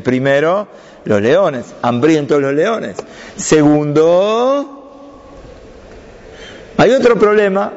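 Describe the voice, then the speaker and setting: A man telling a religious story to children, expressive and full of questions to his listeners. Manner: expressive, wide swings in pitch and pace, asks the listeners questions. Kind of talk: dramatic story narration. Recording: dull sound with long hall reverb.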